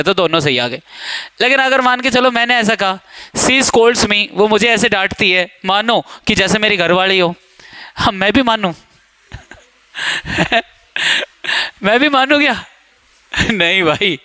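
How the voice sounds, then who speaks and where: Young male coaching-class teacher, high clear voice, playful and teasing with students, dry classroom sound. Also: bright, forceful tone, dry recording. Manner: joking, teasing students, quizzing them by name. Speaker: English teacher. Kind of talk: classroom grammar lesson.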